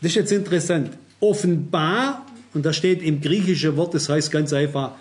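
Older male preacher, fairly high voice, earnest and cautionary, hammers points home by repeating them. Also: normal speed. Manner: earnest, warning, repeats phrases for emphasis. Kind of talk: sermon.

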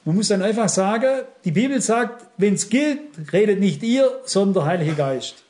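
A man's voice: sits high, animated, normal speed, a little mellow. A middle-aged man preaching a sermon, earnest and emphatic, speaking straight to his listeners.

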